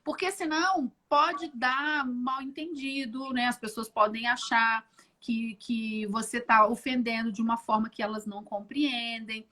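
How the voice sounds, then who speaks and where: A woman's voice: on the high side, a little slow. A Brazilian woman with a Brazilian accent, guest on a live video call, chatting and telling stories with many restarts. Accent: Brazilian Portuguese. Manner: chatty, many restarts and fillers, lively storytelling. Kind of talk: casual interview chat.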